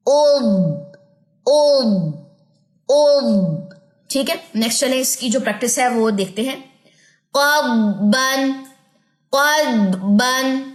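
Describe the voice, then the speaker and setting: A woman teaching an online recitation lesson, explaining patiently and drawing out words slowly as she demonstrates. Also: on the high side, reverberant. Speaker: tajweed teacher.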